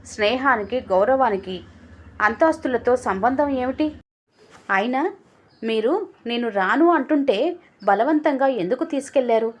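A woman's voice: fairly high pitch, expressive, a little slow, pauses often. A woman voicing a hurt young wife in a storybook reading, speaking with trembling resentment. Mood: defiant.

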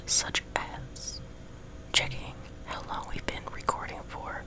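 A young adult man hosting ASMR, rambling in a close whisper right into the listener's ear on a sensitive microphone. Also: slow. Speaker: ASMR video host. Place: small room at home, seated on a love seat. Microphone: sensitive high-gain close microphone.

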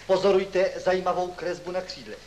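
A man's voice: high-pitched, steady tone, a little hiss or hum, lightly acted, rough recording. An actor playing a kindly but strict male schoolteacher who scolds his pupils, on an old film soundtrack. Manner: stern, scolding, then gentle.

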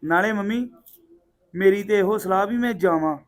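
A man's voice: high voice, moderate pace, close to an everyday voice. An actor playing a defiant, hot-tempered young man with a Punjabi accent, arguing with his mother. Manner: defiant, sulky, angry. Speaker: son.

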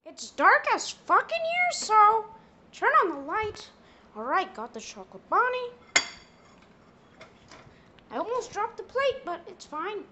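A bumbling, foul-mouthed cartoon mouse, voiced by a young man fumbles through a cooking skit. The voice is very high and squeaky and moves up and down a lot. It comes from a noisy home video. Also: heavily acted. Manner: high squeaky put-on voice, swearing, drawling. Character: Mickey Mouse as a crude young cook, male. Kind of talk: comedy skit with a plush toy.

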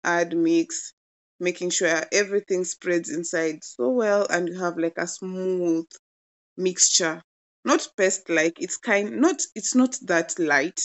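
A woman's voice: fairly low pitch, slow pace, lo-fi sound. A young woman in her twenties chatting casually as she narrates a home cooking demo, playful and gushing about the food. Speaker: cooking vlogger.

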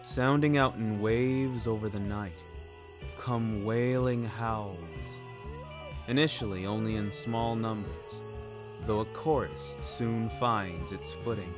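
Slow and on the low side, this man's voice carries a scripted first-person story with wry, ornate theatricality. He narrates a fiction podcast, and music sits underneath the narration.

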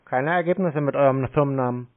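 Over a tinny, narrowband phone line, a mid-range male voice talks fast. He's a scam-baiting prank caller, blunt and mocking in a confrontational call.

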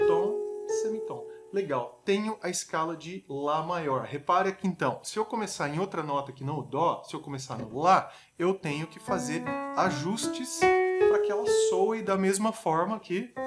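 Brazilian male piano teacher, young, slightly high voice, piano playing underneath. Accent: Brazilian Portuguese. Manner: relaxed, chatty, with frequent "tá?" tags. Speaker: music teacher. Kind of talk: casual online lesson. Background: piano notes played under the speech.

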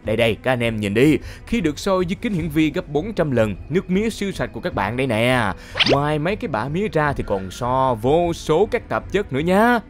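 Lively man narrating over loud music. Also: fairly high pitch, fairly quick, hardly any pauses. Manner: exclamatory, chatty, addresses viewers directly. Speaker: channel narrator. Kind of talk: energetic top-list video narration.

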